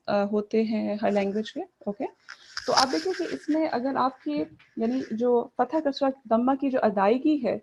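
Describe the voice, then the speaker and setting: A woman's voice: on the high side, a little mellow, a little hiss or hum. A woman teaching a recitation class online, mixing in English and asking her students questions. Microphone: video call.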